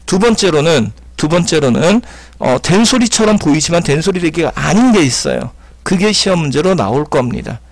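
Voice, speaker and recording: A man's voice: a little high, expressive, normal speed, no echo. A man teaching an exam-prep grammar lecture, explaining step by step and repeating key terms as he sounds words out. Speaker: Korean language teacher.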